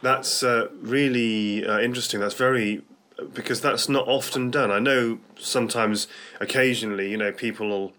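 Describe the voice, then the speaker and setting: A man's voice: medium pitch, steady tone, moderate pace, bright, forceful tone. Hesitant British man hosting talk radio. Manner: hesitant, rambling delivery with repeated words. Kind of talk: conversational radio interviewing.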